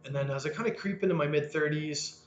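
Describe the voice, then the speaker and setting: A man's voice: on the high side, fast, roomy sound, muffled recording, slight background noise. A man in his thirties talking earnestly about his motivation in a casual, rambling monologue full of restarts. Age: 30s. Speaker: fitness vlogger.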